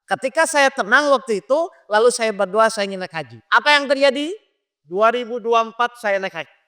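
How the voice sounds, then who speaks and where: Male preacher, sermon in a mosque, high pitch, keeps questioning the listeners. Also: expressive, a little fast, pushed and bright. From Indonesia. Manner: addresses listeners directly with questions.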